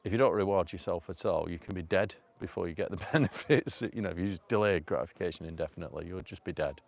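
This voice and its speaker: Gravelly low Mancunian man, rambling outdoors. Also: fast talker. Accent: Northern English (Manchester). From North Manchester, England. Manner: rambling, chatty, laughs often, many fillers. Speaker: vlogger. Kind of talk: casual live stream talk. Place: outdoors at a rocky cove by a river. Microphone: phone on a selfie stick.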